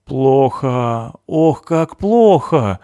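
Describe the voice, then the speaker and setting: A man's voice: medium pitch, expressive, extremely slow, warm tone, clean tone, no echo, clean studio sound, pitched above the performer's own voice. A grim, clipped young woman, as a man puts her on. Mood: terse urgency. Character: young woman, tense and secretive.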